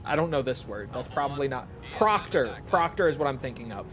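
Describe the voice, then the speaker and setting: During a livestream, a man with a medium-pitched, fairly bright voice speaks a little fast with lively intonation, soft music in the background. He chats loosely with viewers while gaming, drifting between topics, putting himself down, and swearing casually.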